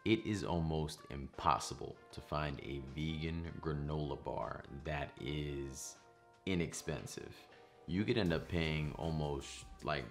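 A man's voice: very deep voice, takes it slowly, vocal fry, soft background music. A man in his thirties hosting a home cooking vlog, talking to camera in a kitchen with playful, jokey asides. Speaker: cooking channel host. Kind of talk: casual talk to camera, then voice-over.

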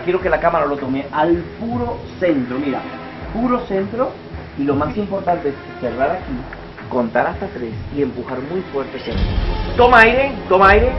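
A man performing a magic trick indoors, talking a volunteer through it with showman patter into a handheld mic. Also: high-pitched. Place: indoor function room. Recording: dull lo-fi sound with music behind.

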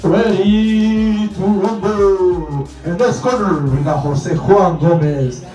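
A bombastic boxing ring announcer acted out by a man in a homemade vlog. The voice is high and showy, stretching words slowly, and sounds far off in an echoey room. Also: mellow, soft background music. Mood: showy hype. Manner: drawn-out, booming showmanship.

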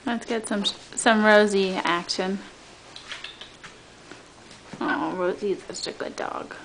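A woman's voice: medium pitch, slow, fairly bright tone, a little hiss or hum, poor audio. A woman filming her dogs at home, cooing in baby talk and laughing often. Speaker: dog owner filming her pets. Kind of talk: casual home video chat. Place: home living room, indoors.

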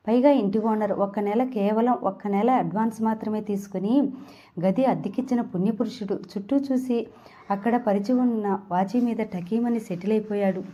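Mellow-voiced woman narrating a novel. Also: mid-range voice, lo-fi sound. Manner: steady storytelling read. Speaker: audiobook narrator.

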